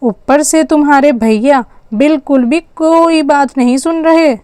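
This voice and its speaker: A woman's voice: high-pitched, unhurried, mellow, no echo, clean studio sound. A woman voicing a worried, busy young mother in a doll story. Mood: flustered. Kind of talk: storytelling with dolls.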